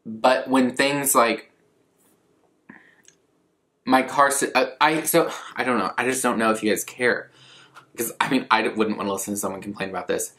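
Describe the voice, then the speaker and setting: A man's voice: medium pitch, fairly even intonation, moderate pace, pauses often, pushed and bright. A man in his twenties chatting casually and candidly to camera, rambling in a self-deprecating way as he answers viewer questions. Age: 20s. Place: living room at a coffee table, indoors.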